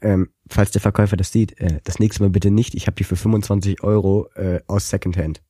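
A man's voice: low-pitched, steady tone, a little fast, dark tone, slightly rough, no room sound, studio quality. A man chatting casually as podcast co-host, rambling and hesitant with many fillers. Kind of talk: casual chat.

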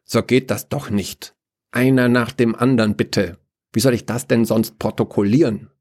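A man's voice: mid-range voice, sing-song, slow pace, mellow, slightly rough, pitched above the performer's own voice, heavily acted. A man voicing Order, a fussy, bureaucratic male figure who talks in a prim, hectic way.

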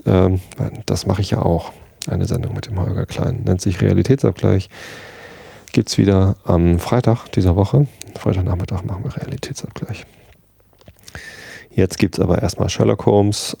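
A man hosting a show who introduces and then calmly reads a classic novel aloud, steady and relaxed. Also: sits low, creaky, husky, no room sound, clean studio sound. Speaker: podcast host reading aloud. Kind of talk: calm audiobook reading.

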